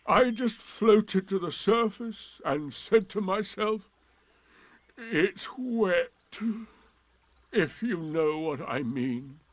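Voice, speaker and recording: A man's voice: sits high, lively intonation, very slow, no room sound, voice pushed up, exaggerated voice. A man voicing a gloomy, sulky old male donkey in a storybook reading, with a mournful, sarcastic drawl.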